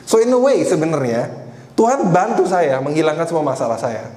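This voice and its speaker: Here a man in his twenties preaches in a sing-song way, fairly quick, with a dark tone and a pitch on the high side. His sermon is conversational, built around a personal story, and he repeatedly turns to the congregation. The setting is an echoey church hall with faint noise in the background.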